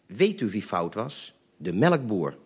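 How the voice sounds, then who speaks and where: A man's voice: on the low side, big pitch swings, slow pace, husky, full character voice. Smug middle-aged neighbor man, self-assured and lecturing, in a spoken memoir, read by a man.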